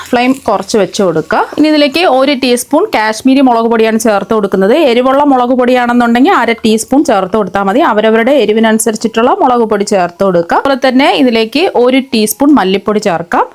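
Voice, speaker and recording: A woman hosting a cooking channel, explaining a recipe step by step in a steady voice-over. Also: on the high side.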